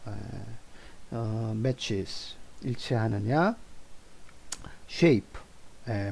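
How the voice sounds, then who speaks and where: A man giving an English lesson, slowly repeating and drilling example sentences for his students. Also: mid-range voice, vocal fry, a little mellow. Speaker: English teacher. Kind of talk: classroom lecture.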